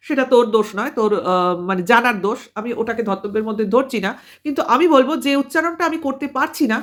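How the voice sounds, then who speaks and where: A woman vlogger, giving a combative, lecturing commentary full of pointed rhetorical questions. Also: high voice. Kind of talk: commentary monologue to camera.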